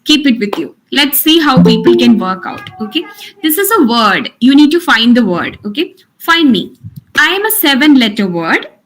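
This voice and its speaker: A woman's voice: sits high, very animated, normal speed, a bit bright, faint music behind. A woman teaching an online workshop, instructive, restating her points for emphasis. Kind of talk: interactive lecture.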